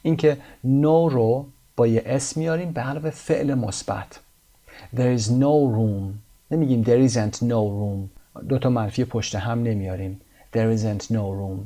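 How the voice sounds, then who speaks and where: A man with a Persian accent teaching an English textbook lesson, explaining in Persian and reading English examples slowly and carefully. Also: mid-range voice, warm tone.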